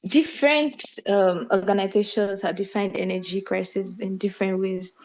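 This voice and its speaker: A woman's voice: medium pitch, moderate pace, lo-fi sound. A woman from Nigeria gives a group presentation in an online class. She explains steadily and corrects herself now and then, heard through screen-recorded video call audio. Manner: steady explanatory delivery with brief self-corrections. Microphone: computer microphone on a video call.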